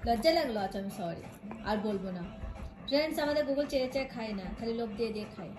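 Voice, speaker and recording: A woman's voice: on the high side, lively intonation, rapid-fire, over music. A woman talking baby talk to her pet dog in a vlog, coaxing, scolding and cooing in a singsong way. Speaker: pet vlogger.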